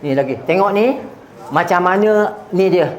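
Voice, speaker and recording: A man's voice: high voice, normal speed. A man giving a religious talk to young people, often stopping to ask the audience "ya?". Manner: exhorting, often asks the audience "ya?". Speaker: religious speaker. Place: Islamic hall. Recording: echoey hall with faint noise.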